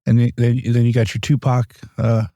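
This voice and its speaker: A man hosting a relaxed chat, his voice warm and dark, at a mid pitch. He often stumbles and repeats words as he talks. The sound is close and dry. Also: moderate pace, dry recording, dull audio. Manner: laid-back, stammers and repeats words. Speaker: podcast host. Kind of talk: casual chat.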